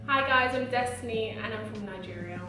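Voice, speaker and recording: A woman's voice: a little high, a little fast. Woman, host, chatty, echoey room, distant mic, music behind. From Britain. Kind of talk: casual group discussion.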